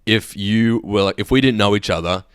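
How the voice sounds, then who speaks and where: A man's voice: lowish voice, a little fast, clean tone, dry recording, studio quality. A man in his early twenties co-hosting a podcast, chatting casually and teasing his co-host in a playful way. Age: early 20s. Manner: teasing, playfully acts out quoted voices. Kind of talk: casual chat.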